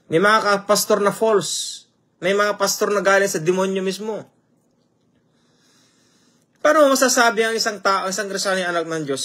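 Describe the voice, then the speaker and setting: A man's voice: high voice, bright, forceful tone. A man preaching a sermon, firing rhetorical questions at his listeners and mixing English phrases into his talk. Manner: greets viewers by name mid-sermon.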